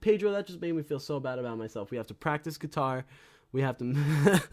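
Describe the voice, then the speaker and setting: A man's voice: a little high, brisk, a little mellow. A young man hosting his own live music stream, chatting casually between songs in a rambling, profane, self-deprecating way. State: out of breath.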